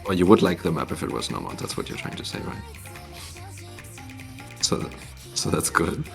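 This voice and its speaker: Deep gravelly guy streaming from an empty work meeting room, cave echo on his voice, chill and jokey, music going behind. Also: very animated, moderate pace. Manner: laid-back, joking, rambling with fillers. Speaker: mappool showcase host. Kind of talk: casual stream commentary. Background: music playing.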